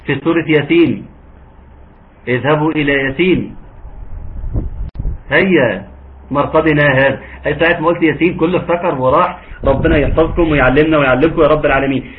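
A man with an Egyptian accent teaching a tajweed lesson, patient and encouraging, sometimes slowing into drawn-out recitation. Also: on the high side. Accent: Egyptian Arabic. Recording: narrow phone-like audio, faint hiss.

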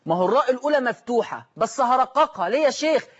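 A man's voice: very high voice, lively intonation, rapid-fire, fairly bright tone, lo-fi sound. A man teaching a Quran recitation lesson, asking the class questions and answering them himself. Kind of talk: tajweed lesson.

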